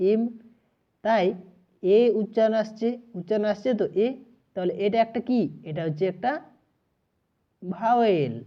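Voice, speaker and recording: A woman teaches an entrance-exam grammar lesson in a patient, step-by-step way. She spells out letters, repeats each pronunciation and drops to a slow, dictating pace for example sentences. Her voice sits at a middle pitch, and the recording sounds slightly dull and lo-fi.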